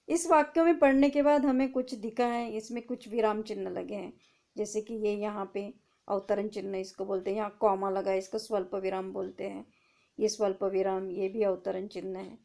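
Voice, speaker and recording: A woman teaches an online class, reading sentences aloud slowly and explaining them, often posing questions and answering them herself. Her voice is medium-pitched, creaky, and mellow.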